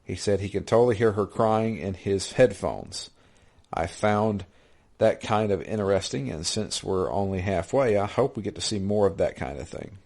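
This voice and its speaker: Low-voiced man chatting about games. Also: normal speed, a little mellow. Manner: rambling, self-correcting, reads listener email aloud. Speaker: podcast co-host. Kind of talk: casual gaming podcast chat.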